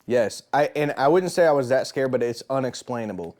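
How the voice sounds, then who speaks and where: A young man co-hosting a podcast, telling a spooky story in a lively way, laughing and calling his friend bro. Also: medium pitch, fairly quick. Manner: animated, laughing, says bro a lot. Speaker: podcast co-host. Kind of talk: casual chat, telling a scary anecdote.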